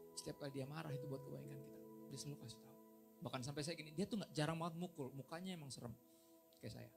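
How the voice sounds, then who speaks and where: A middle-aged male pastor giving a casual, joking sermon in a church, slipping in English phrases and getting loud and high when excited. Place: church hall.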